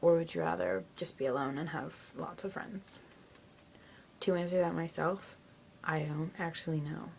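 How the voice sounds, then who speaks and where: A teenage girl chatting casually to a friend on camera, giggly and often dropping to a soft near-whisper. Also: deep voice, normal speed, gravelly, a little hiss or hum. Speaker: video blogger.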